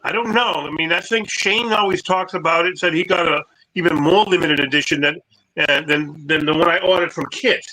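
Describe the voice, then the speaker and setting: A high, bright male voice comes through a phone mic that clips and distorts on every line, even when he talks quietly. He chats casually as co-host of a collectibles show. He rambles and keeps restarting his sentences. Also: a little fast. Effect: clipping, distorted phone mic. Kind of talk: casual online show chat.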